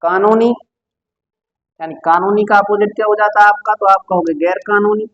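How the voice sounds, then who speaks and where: Guy with a high voice running an exam prep word lesson, keeps asking and answering himself, sound kinda dull and muffled. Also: fairly even intonation, normal speed, a bit bright. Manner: quizzing the listener with repeated questions. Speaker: teacher.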